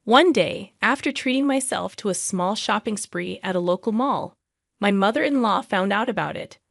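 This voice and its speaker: A woman reading a scripted first-person drama story in an even, measured way. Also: medium pitch, creaky, no room sound, studio quality.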